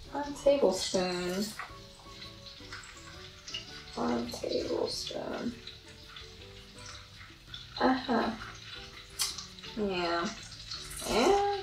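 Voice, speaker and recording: Slow-talking young woman cooking, far from the mic. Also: a little high, vocal fry, a bit bright. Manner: chatty and self-deprecating, thinking aloud. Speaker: vlogger cooking at home. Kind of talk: casual cooking vlog. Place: small home kitchen. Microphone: far camera. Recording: roomy kitchen sound from a distant camera.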